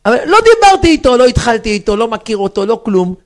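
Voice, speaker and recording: Lively high-voiced rabbi. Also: male voice. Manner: animated, acts out characters, asks the audience questions. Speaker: rabbi giving a talk to women. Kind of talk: humorous storytelling lecture.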